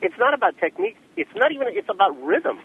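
Guy ranting on a car phone, lively high voice, tinny line with a bit of hiss. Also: fast. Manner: blunt, scornful, grilling with questions. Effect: heard over a telephone line from a car. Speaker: radio caller, trained percussionist. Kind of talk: combative call-in argument.

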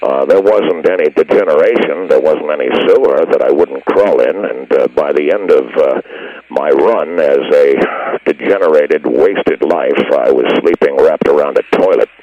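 A man voicing a pompous older former stage actor who speaks formally and haltingly with many uh's, his voice muffled and hollow as if talking into a trash can. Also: a bass voice, pitched below the performer's own voice. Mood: grave, confessional. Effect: muffled, hollow sound as if talking into a trash can.

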